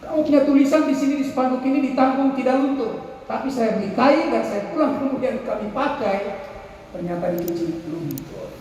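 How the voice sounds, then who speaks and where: A man's voice: very high-pitched, lively intonation, moderate pace, darkish tone, a little hiss or hum. A male pastor voicing an angry male traveler who complains that he was cheated. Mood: indignant. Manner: indignant, complaining. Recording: echoey hall, distant mic.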